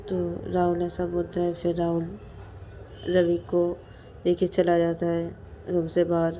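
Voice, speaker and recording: A woman's voice: fairly low pitch, completely flat delivery, unhurried, mellow, a little hiss or hum. A woman narrating a romantic story casually, retelling each action step by step with many repeats.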